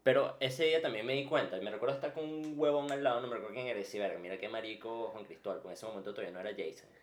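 A young man with a Venezuelan accent, co-hosting a podcast in casual, slangy chat and animated storytelling. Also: fairly low pitch, racing. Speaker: podcast co-host. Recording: roomy echo.

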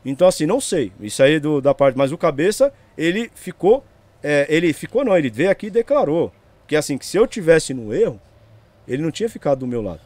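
A man's voice: fairly high pitch, sing-song, fast talker, darkish tone, no echo. Man. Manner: rambling, tags lines with "entendeu?" and "meu". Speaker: interview guest. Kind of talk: casual storytelling interview.

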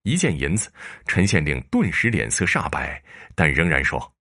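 A male storyteller narrating a dramatic tale in a measured way. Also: a bass voice, sing-song, creaky, a bit bright.

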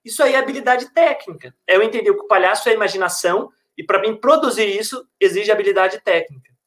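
Animated man telling clown stories. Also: high-pitched, fast. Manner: animated storyteller, slangy. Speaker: hospital clown and researcher. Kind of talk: casual conversation.

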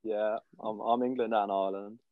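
A man's voice: lowish voice, steady tone, moderate pace, no room sound. A man co-hosting a casual sports chat, playfully contrarian and rambling. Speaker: co-host. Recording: dull lo-fi audio.

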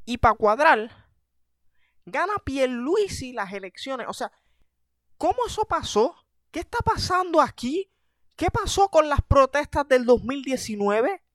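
A young man with a Puerto Rican accent doing an animated, self-mocking comedic monologue as a podcast host, heavy on slang. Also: very high voice, a little slow, dry recording, clean studio sound.

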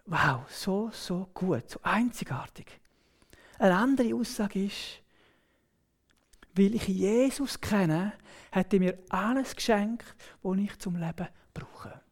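A woman with a Swiss German accent, preaching a sermon emphatically, with exclaimed interjections and hushed, near-whispered phrases. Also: medium pitch, animated, takes it slowly. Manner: emphatic, with exclaimed "wow" and "hey"; drops to a near whisper at times.

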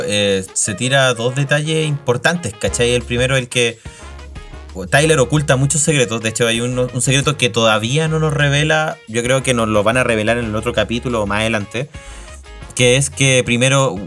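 A man's voice: mid-range voice, moderate pace, a bit bright, faint music behind. A man with a Chilean accent co-hosting a casual chat about a TV series, joking and full of slang, often cutting himself off mid-sentence. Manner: slangy, joking, self-interrupting. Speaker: podcast co-host.

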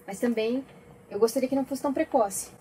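A woman who is a teacher and mother, speaking in a measured, thoughtful way as a guest on a talk show. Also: on the high side, dark tone, rough recording. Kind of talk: casual talk show chat.

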